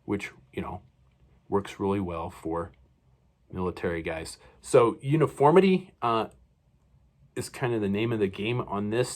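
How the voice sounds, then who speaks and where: Rambling man reviewing toys, lowish voice. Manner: rambling, many fillers and self-corrections. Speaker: toy reviewer. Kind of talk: casual unboxing review.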